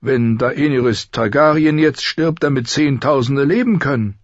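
A man voicing a weary old male scholar-advisor in an audiobook, slow, grave and ponderous. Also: medium pitch, animated, no echo, dull audio, pitched above the performer's own voice, natural voice. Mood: solemn. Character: old weary male grand maester, long beard.

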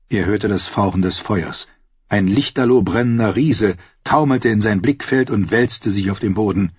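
Husky man reading a fantasy audiobook. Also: mid-range voice, no echo, muffled recording. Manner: steady storytelling with loudly shouted battle commands. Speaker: audiobook narrator.

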